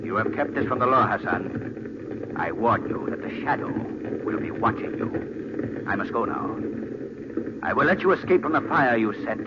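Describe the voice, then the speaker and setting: An actor playing a confident, commanding detective and avenger in a 1940s radio thriller, with crisp theatrical delivery. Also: male voice, mid-range voice, expressive, normal speed, pauses often, lightly acted. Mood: menacing, taunting. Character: confident amateur detective, secretly a sinister avenger. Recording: tinny, hissy 1940s radio recording.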